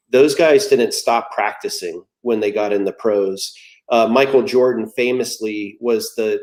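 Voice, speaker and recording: A man's voice: lowish voice, a little mellow. A man in his forties, a guest in a casual conversation, explaining his ideas in an easygoing way with analogies and personal stories.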